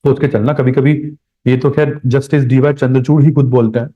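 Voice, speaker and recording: A man's voice: medium pitch, steady tone, brisk. Man lecturing on history, lo-fi. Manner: conversational, addresses students directly, repeats key points. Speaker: history teacher. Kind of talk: classroom lecture. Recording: dull lo-fi recording.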